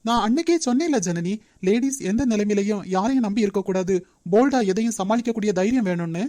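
Woman voicing a young male manager, cartoon, strict, lecturing, rapid delivery, mellow dark tone. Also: medium pitch, animated, no room sound, natural voice. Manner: brisk, lecturing. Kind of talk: Tamil cartoon dub.

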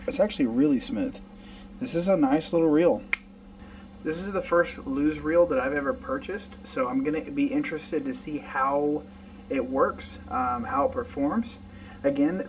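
Casual male vlogger, thirties, fairly high voice, rambling gear talk, camera mic a little distant. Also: slight background noise. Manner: relaxed, rambling with fillers and restarts. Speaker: fishing vlogger. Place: home garage at night, indoors. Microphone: camera close in front, handheld at times.

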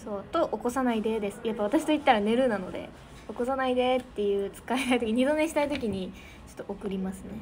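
A woman's voice: fairly high pitch, fast, a little mellow. A teenage girl from Niigata hosting a casual livestream, chatting and thanking viewers for their comments. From Niigata, Japan. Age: teens. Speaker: idol livestream host. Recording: noisy livestream audio.

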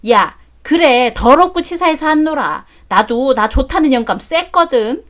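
A woman's voice: high-pitched, expressive, moderate pace, a bit bright. A woman voicing a brash, greedy older mother-in-law who talks bluntly and coarsely in a story drama. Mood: scolding. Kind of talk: story drama read aloud.

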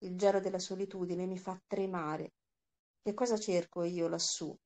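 A troubled young man pours out an earnest confession of envy and loneliness, read aloud by a woman. The voice sits slightly low and keeps a steady reading pace, in the manner of a storybook reading. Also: normal speed, natural voice. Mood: anguished.

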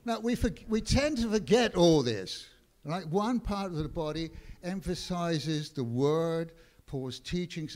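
Slow, emphatic male pastor preaching. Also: on the high side. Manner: preaching with emphatic, dramatic shifts in loudness; slow, deliberate delivery. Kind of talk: sermon. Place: church.

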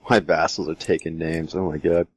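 Deep voice dude goofing around with his buddy while they play. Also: flat delivery, normal speed, husky. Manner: joking, teasing banter. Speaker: co-op player. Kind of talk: casual gameplay chat.

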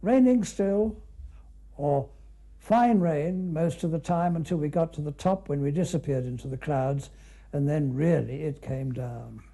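An older British man, a canoeist, looks back on an expedition in an unscripted, conversational film commentary, dropping in clipped, musing asides. His voice is a little high and creaky yet mellow, and he speaks at a measured pace.

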